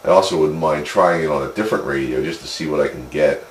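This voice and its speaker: A hobbyist man chats casually over two-way radio, rambling as he explains technical matters in an extremely low voice at a quick pace. The sound is roomy and noisy, picked up from a CB radio speaker.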